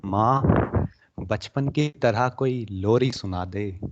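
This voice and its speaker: A young man reciting his own emotional poem at a student poetry competition, his voice swelling with feeling and then dropping to soft, hushed passages. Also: on the low side, takes it slowly, background noise. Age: young adult. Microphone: online webinar microphone. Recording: dull lo-fi webinar audio.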